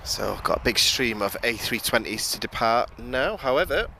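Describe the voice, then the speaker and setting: A man with a hoarse, gravelly voice giving chatty live commentary on planes from outdoors at an airport, often calling his viewers guys. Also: medium pitch, expressive, normal speed, sharp tone, slight background noise.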